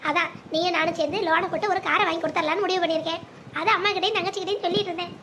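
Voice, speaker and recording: A protective young cartoon brother reassures his family in a steady, caring way, acted by a woman. The voice stays very high for a man and moves briskly. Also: a little hiss or hum. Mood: reassuring. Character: caring young adult son and elder brother.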